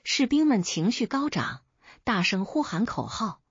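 A woman storyteller reading a folk tale as steady, expressive scripted narration on a dull, dry recording. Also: mid-range voice, a little slow, breathy edge, no room sound.

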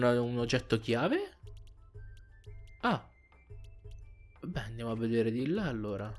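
A man hosting a let's play, commentating his gameplay and talking to himself, pleading with the game and cheering as he plays. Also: a little high. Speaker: gaming channel host.

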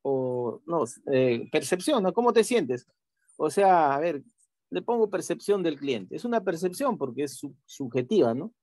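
A man teaching an online class, patiently walking through software steps, repeating himself and checking in with tag questions. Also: a little high, big pitch swings, a little slow, no echo, studio quality.

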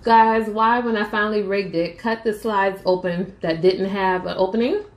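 A woman's voice: medium pitch, steady tone, normal speed, echoey room. A young woman chatting to viewers between bites in a casual eating vlog. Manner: chatty, addresses viewers as y'all, eats between sentences. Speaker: mukbang vlogger. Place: small room at home, indoors.

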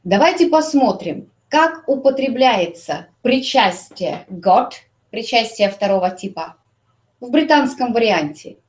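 A woman teaching an English grammar lesson, explaining slowly and repeating English example sentences. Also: a little high, expressive.

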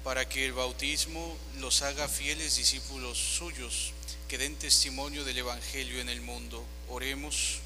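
A man reads church intercessions in a steady, flat monotone, each petition measured and even. The sound comes from far back in a large church, with a long reverb and a clear steady hum under it. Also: medium pitch. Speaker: lector reading the prayers. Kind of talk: reading intercessions in a liturgy. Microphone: far phone camera in the congregation.

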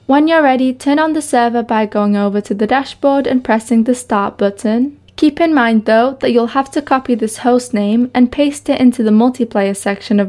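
A woman's voice: on the high side, darkish tone. A young adult woman hosting a gaming video, with gameplay chat and tutorial narration.

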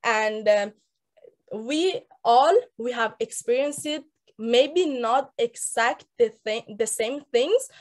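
A nineteen-year-old woman from Afghanistan, raised in Iran, speaking English with a Persian accent, telling her story on a video call in an earnest, halting way with many restarts. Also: a little high, expressive. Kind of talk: personal story talk on a group call. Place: indoor room. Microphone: laptop webcam on a video call.

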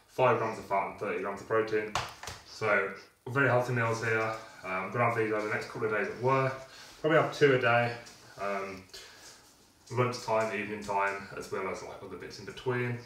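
A man's voice: lowish voice, steady tone, a little fast, fairly bright tone. A young man chatting casually through a video diary in his small home kitchen, rambling with lots of fillers, picked up by a camera across the room. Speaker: fitness vlogger. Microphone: camera mic from across the room. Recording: echoey kitchen, camera far off, noisy.

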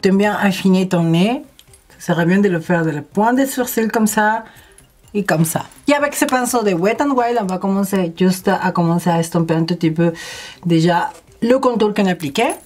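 An energetic woman chats her way through a makeup tutorial. She speaks straight to her viewers in a casual, expressive, friendly manner. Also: mid-range voice, moderate pace, faint music behind. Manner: addresses viewers directly. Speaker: beauty vlogger.

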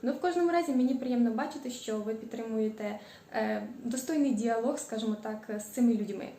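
A woman from Ukraine chatting casually in a home cooking vlog, stretching out the ends of words and pausing on filler sounds. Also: on the high side, mellow, slight background noise. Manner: stretches out word endings; frequent hesitant fillers. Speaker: cooking vlogger. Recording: echoey room.

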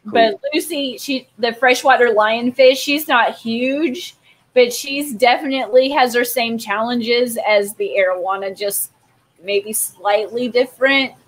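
A woman's voice: a little high, measured pace. Chatty woman on a video call. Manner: chatty, laughs often. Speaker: guest fish keeper. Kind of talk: casual chat. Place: home room with lit aquariums. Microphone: webcam on a video call.

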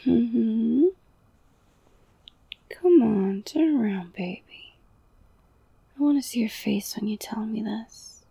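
Slow, husky whispering young woman. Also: on the high side, lively intonation, no echo, low-quality recording. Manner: intimate close whisper, slow and soothing; softly domineering, coaxing. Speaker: audio roleplay performer. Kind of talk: whispered ASMR girlfriend roleplay.

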